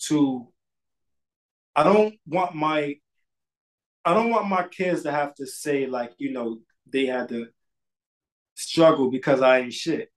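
A man's voice: a little high, rough recording. A man in his thirties from Connecticut, a barber talking loosely on a video call in his shop, swearing casually and repeating words. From Bridgeport, Connecticut. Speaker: barber, podcast guest. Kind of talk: casual interview chat. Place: small barbershop indoors.

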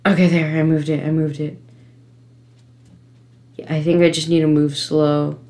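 A woman giving let's-play commentary from her home computer setup, frustrated, pleading with the game and breaking into sudden gasps and yells. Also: low-pitched, little pitch movement, moderate pace. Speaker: gamer.

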